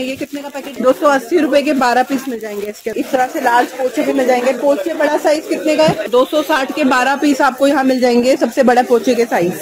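Woman, high voice, casual market vlog, handheld phone, busy outdoor stalls, crowd noise. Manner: chatty, asks prices and repeats them to viewers. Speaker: market vlogger. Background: market crowd chatter.

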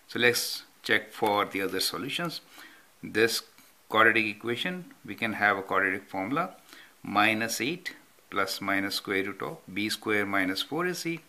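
A math teacher talks through a whiteboard problem step by step as he writes it out by hand, often asking "right?" along the way. His voice sits on the low side, with a bright, forceful tone, recorded off-camera over the handwritten notes.

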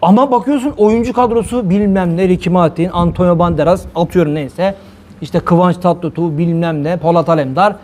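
This preacher's high, slightly mellow voice keeps a fairly even intonation and a moderate pace. Even so, his religious talk to viewers is heated, driven by a stream of rhetorical questions.

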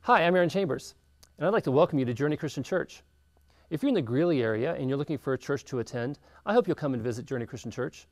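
A man preaching as pastor and show host, telling stories with animated emphasis. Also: a little high, fast talker. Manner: animated storytelling, lively and emphatic. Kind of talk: energetic sermon. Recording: echoey church hall.

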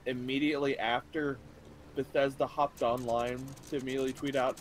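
A young man chatting casually with a friend over a game, relaxed and swearing freely. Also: mid-range voice, fairly quick, background noise. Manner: laid-back, swears freely. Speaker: co-player, friend. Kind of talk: casual chat while gaming.

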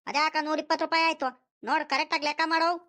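A woman's voice: sits high, fairly even intonation, quick pace, sharp tone, pitched above the performer's own voice. A woman voicing a stingy, fussy old village grandfather in a cartoon, nagging and haggling, with a rural Karnataka Kannada accent. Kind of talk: cartoon voice acting.

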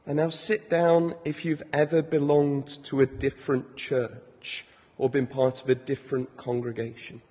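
A man's voice: medium pitch, flat delivery, measured pace. A young man preaching a sermon in a church, conversational and joking. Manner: warm, conversational, self-deprecating humor. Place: large church. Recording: long church reverb.

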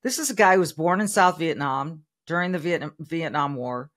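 A woman's voice: deep voice, lively intonation, brisk, a bit bright. Woman, middle-aged, podcast host, upbeat, conversational, studio mic, home office. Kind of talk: interview podcast intro. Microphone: studio microphone on arm.

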